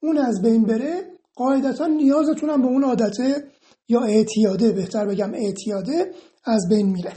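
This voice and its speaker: A woman with a somewhat high, soft and mellow voice works through listener questions one by one. She reads each question aloud, then explains her answer in a calm, reassuring tone. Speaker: EFT instructor answering viewer questions. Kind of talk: informal explanatory Q&A monologue.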